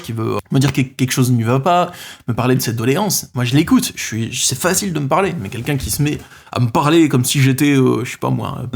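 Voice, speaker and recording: A man speaking as a life coach, giving advice straight to his viewers, emphatic and repeating his key points. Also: a little high. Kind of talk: advice monologue to camera.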